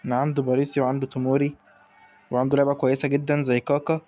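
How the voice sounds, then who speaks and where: Speaking very fast in a warm, medium-pitched, level voice, a young Egyptian gaming YouTuber delivers hyped live commentary on a football video game and calls out to the on-screen players. He has an Egyptian Arabic accent, and faint music plays behind him.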